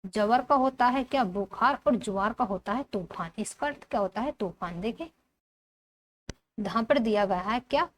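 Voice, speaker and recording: A woman with a somewhat high voice takes the class through a grammar lesson. She reads from the textbook slowly and asks rhetorical questions as she explains. A faint hiss sits under the recording. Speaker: teacher.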